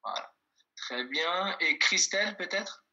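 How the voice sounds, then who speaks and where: A man teaching an online language lesson, patiently repeating words slowly and checking that his students follow. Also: sits high, animated, pushed and bright. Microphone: video call. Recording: dull lo-fi video call audio.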